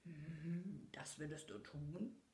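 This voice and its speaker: A woman's voice: low-pitched, steady tone, slow pace, dark tone, echoey room, pitched below the performer's own voice. A woman doing a growling angry beast. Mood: gruff. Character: huge growling male beast, angry and gruff.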